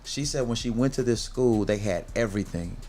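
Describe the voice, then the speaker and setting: A man's voice: on the low side, a little fast, darkish tone. A middle-aged man hosting a podcast in a casual, earnest way, often stopping to restart and calling his guest "bro". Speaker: podcast host. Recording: faint background noise.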